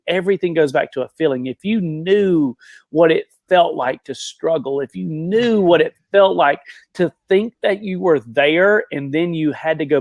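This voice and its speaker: A man's voice: a little high, creaky, no room sound. A man giving an impassioned motivational rant on a live video panel, folksy, emphatic and repetitive. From rural area (said, country).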